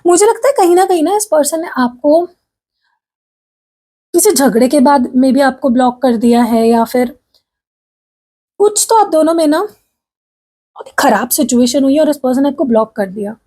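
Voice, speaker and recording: Woman, tarot reader, high voice, mellow tone, chatty with viewers, sore throat. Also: lively intonation, a little slow, pauses often. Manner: chatty, addresses viewers as "guys", frequent "theek hai?"; mixes English phrases into Hindi speech. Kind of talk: casual tarot reading to viewers.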